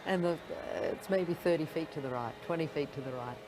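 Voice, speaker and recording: A man working as a golf commentator, giving understated, measured live commentary between shots. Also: on the high side, poor audio.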